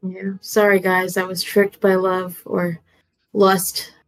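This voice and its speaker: Lady player chatting in a tabletop game, lots of vocal fry, close dry audio. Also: mid-range voice, monotone, takes it slowly, dry recording, faint music behind. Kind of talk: casual in-game chat.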